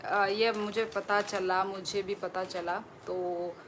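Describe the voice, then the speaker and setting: This live streamer, a woman from Tripura, India, talks slowly in a steady, medium-pitched voice while reading viewer comments and chatting back on a casual phone stream. The phone recording carries clear background noise.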